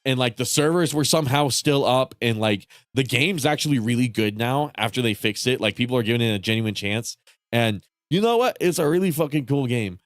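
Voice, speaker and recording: A man with a medium-pitched, animated voice talks briskly while livestreaming a game, chatting casually in a congested, nasal tone. He rambles, swears often, and laughs between thoughts. The recording is dry and studio quality.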